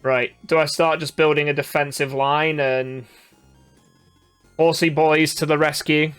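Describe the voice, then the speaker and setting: Smooth-voiced man playing and commenting. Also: on the high side, flat delivery, measured pace, fairly bright tone, faint music behind. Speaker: let's play co-host playing the game. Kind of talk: casual game commentary.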